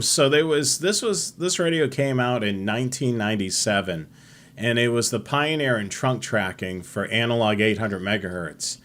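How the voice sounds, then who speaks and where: Hosting a live-streamed hobby show, a middle-aged man speaks at medium pitch. His chat is relaxed and rambling, full of fillers.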